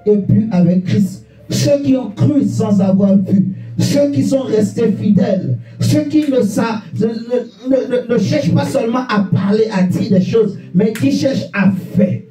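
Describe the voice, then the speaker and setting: A man preaches a fervent sermon, his voice high and mellow-dark in tone, pacing his words slowly. He hammers the same questions again and again and breaks into shouts, calling for answers from the pews. The sound is roomy and caught from a distance, with a faint guitar behind him. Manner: repetitive, rhetorical questions, bursts of shouting. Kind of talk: fervent sermon with congregation call-and-response. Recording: echoey church room, distant mic, faint guitar.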